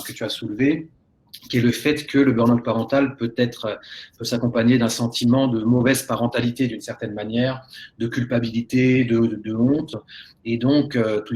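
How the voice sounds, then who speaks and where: A man moderating a webinar, passing on audience questions in a relaxed, informal way with some hesitations. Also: medium pitch.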